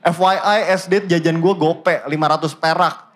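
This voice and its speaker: A man in his twenties with a Jakarta accent, telling his life story in a casual, joking way with deadpan fake-outs and English mixed in. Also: a little high, moderate pace. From Indonesia. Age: 20s. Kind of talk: casual stand-up style storytelling.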